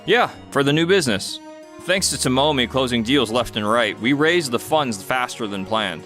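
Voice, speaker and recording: In a manga dub, a man narrates and plays the lead, a kindly, upbeat young entrepreneur telling his story in a friendly, encouraging way. His natural voice is medium-pitched, animated and a bit bright at a moderate pace, with faint music behind.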